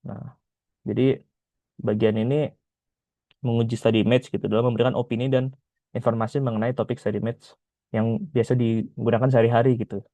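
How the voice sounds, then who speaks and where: Relaxed chatty male tutor, dark voice. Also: medium pitch, a little fast, long pauses, no room sound. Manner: relaxed, chatty, frequent filler "gitu". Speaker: IELTS tutor. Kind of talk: casual explanatory lesson. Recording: dull lo-fi sound.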